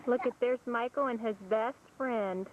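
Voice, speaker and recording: A woman's voice: fairly high pitch, moderate pace, muffled recording, slight background noise. A woman filming a home video, coaxing and playful as she talks to a baby, heard on an old camcorder tape. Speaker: home video camera operator. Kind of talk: casual home video chatter. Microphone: camcorder built-in mic.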